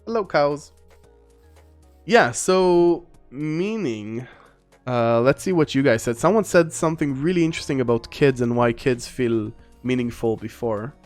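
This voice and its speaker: A man's voice: mid-range voice, unhurried. A man casually commentating a game livestream, rambling and reading viewer chat aloud, with faint music behind him. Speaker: gaming streamer. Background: faint background music.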